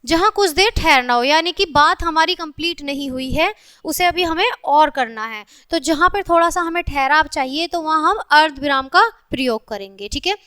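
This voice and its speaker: A woman's voice: sits high, animated, moderate pace, bright, forceful tone, no echo, studio quality. A woman teacher giving a grammar lesson to young children, often checking in with "okay" and reading example sentences aloud.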